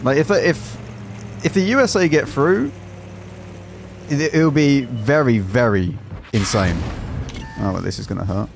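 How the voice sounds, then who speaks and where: A man's voice: mid-range voice, measured pace, creaky, long pauses, a little hiss or hum. An English man live streaming a game, chatting casually in an opinionated, exclamatory, colloquial way. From England. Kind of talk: casual live stream commentary while gaming.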